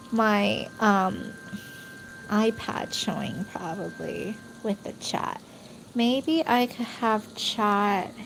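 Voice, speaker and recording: A woman's voice: fairly high pitch, slight background noise, poor audio. A young adult woman streaming a game, chatty and giggly, reading lines and thinking aloud. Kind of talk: casual let's play commentary.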